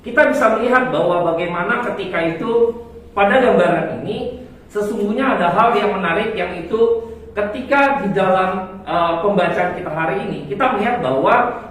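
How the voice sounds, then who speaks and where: A man preaching a sermon and leading a Bible reading, halting, with many fillers and corrections. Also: high-pitched, fairly bright tone. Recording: echoey hall from far off.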